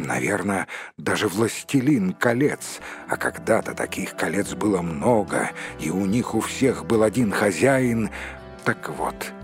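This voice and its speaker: A man reading a storybook aloud as an expressive, dramatic narrator. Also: on the low side, slightly rough, no echo, studio quality. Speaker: audiobook narrator.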